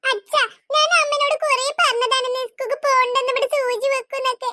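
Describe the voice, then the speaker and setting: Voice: extremely high pitch, flat delivery, a little fast, sharp tone, no room sound, studio quality, exaggerated voice. A performer voicing a clingy, anxious little girl in a cartoon, pleading. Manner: pleading, childlike.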